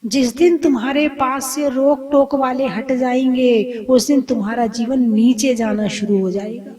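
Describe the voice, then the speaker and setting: A woman's voice: high-pitched, steady tone, unhurried, mellow. A Jain nun giving a sermon in a conversational way, asking her listeners questions and acting out scolding family members. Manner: conversational, asks the audience questions.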